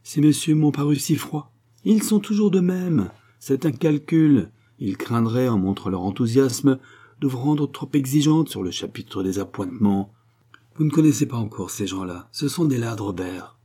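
A man's voice: mid-range voice, expressive, moderate pace, mellow, slightly rough, pitched above the performer's own voice. A man reading the part of a blustering older theatre agent, brash and coaxing, in a storybook.

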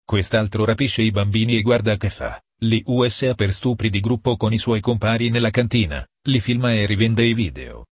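A man voicing a furious male police investigator who shouts and rants in an audiobook reading. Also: on the low side, moderate pace, few pauses, no echo, clean studio sound, close to an everyday voice. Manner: shouting, ranting.

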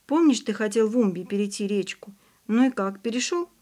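A woman's voice: mid-range voice, animated, fairly quick, dark tone, natural voice. A woman reading the lines of a witty, easygoing schoolboy in an audiobook. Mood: joking.

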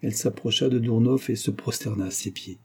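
A man reading a novel aloud as an audiobook narrator, in a measured literary way. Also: lowish voice, slightly rough. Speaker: audiobook reader. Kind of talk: scripted narration.

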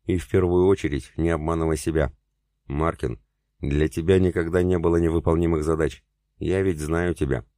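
A man voicing a cool, mocking older male commander in an audiobook, speaking in a calm, taunting way. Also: extremely low pitch, moderate pace, no room sound, studio quality.

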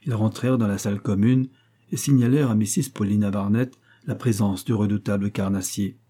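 A man reads a classic adventure novel aloud in a steady, unhurried manner. His voice is very dark and mellow, with a husky grain to it. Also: on the low side. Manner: steady, even-paced narration. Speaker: audiobook narrator.

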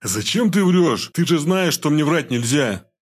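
A man voicing a coarse, domineering ex-convict gang boss who talks in rough barking slang. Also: medium pitch, lively intonation, fairly quick. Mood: menacing.

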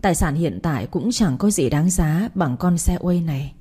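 A woman telling a first-person story in a steady, sombre narration. Her voice is low and mellow, with a soft, breathy quality. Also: moderate pace.

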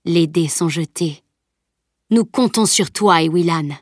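Woman doing a solemn older man leader, slow and grave, dry sound. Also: fairly low pitch, dry recording, close to an everyday voice.

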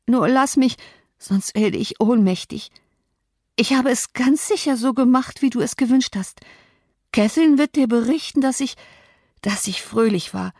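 A woman's voice: mid-range voice, measured pace, a little mellow, slightly rough, no room sound, studio quality. A woman reading an audiobook, voicing a sickly, terrified teenage boy who pleads and gasps. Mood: pleading. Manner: gasping, pleading, fearful.

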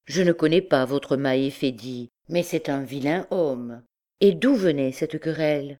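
Une jeune femme noble qui presse de questions celui qu'elle aime, avec un ton suppliant et plein de reproches, jouée par une femme. Sa voix monte plus haut que celle de la lectrice, dans un livre audio. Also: female voice, sits low, a little slow, dark tone. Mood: anxious. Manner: pleading, questioning. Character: young noblewoman, reproachful and anxious.

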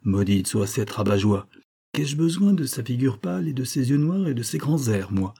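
A man's voice: mid-range voice, very animated, brisk, dark tone, voice pushed up. A man voicing a drunk, boastful young baronet with a thick, slurred voice. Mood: scornful. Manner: slurred, swaggering.

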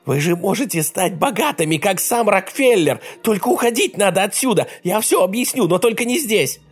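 A man's voice: high voice, very animated, fairly quick, soft background music, pitched above the performer's own voice, heavily acted. A man voicing a frightened young man caught in a woman's disguise, pleading shrilly and squealing. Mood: shrill pleading.

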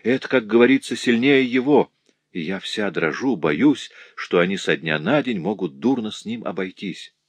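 Cast a man doing a chatty, soft-hearted young working girl for an audiobook, raised and lively over his low natural voice, dry close mic. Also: moderate pace, no echo. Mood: worried. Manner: eager, emotional chatter. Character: cheerful young working Parisian woman, tender-hearted. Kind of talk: audiobook character voice.

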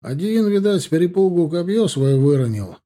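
A man's voice: high-pitched, expressive, normal speed, warm tone, voice pushed up. A man voicing a seasoned Russian soldier who talks in an offhand mutter. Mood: wry.

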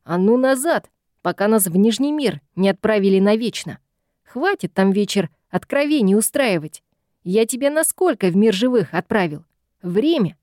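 A grim, fanged troll guard from a fantasy audiobook, snapping impatient orders, voiced by a woman narrator. The voice stays mellow in tone rather than harsh. It is recorded close and dry. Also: mid-range voice, expressive, normal speed, dry recording, natural voice. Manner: barking, impatient shouts.

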